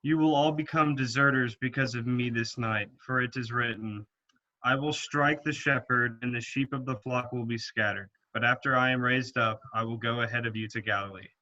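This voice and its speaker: A man reading the part of Jesus in a church reading, speaking in a measured, solemn way. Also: medium pitch, steady tone, pushed and bright, highs cut off, natural voice. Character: Jesus, calm grave male teacher. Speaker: reader.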